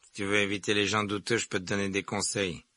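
A man's voice: fairly low pitch, flat delivery, quick pace, no echo. Man playing a sneering, arrogant rich boy. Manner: drawling, contemptuous, loud.

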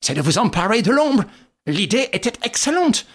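A woman's voice: a little high, sing-song, normal speed, slightly rough, voice pushed up. A woman doing a brusque, scolding detective. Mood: dry. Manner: sharp, clipped scolding. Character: brusque, commanding male detective, quick-tempered. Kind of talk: audiobook character voice.

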